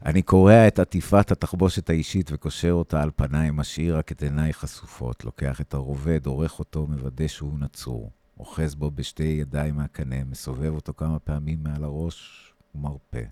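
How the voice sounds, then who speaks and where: A man reading a short story aloud on a podcast, with shifting intensity and a raised voice for the shouted lines. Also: very deep voice, steady tone, dry recording.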